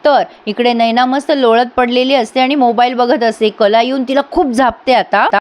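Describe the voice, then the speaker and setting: A woman's voice: a little high, steady tone, moderate pace. A woman giving a chatty voice-over recap of a TV serial episode, telling the story. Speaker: TV serial reviewer.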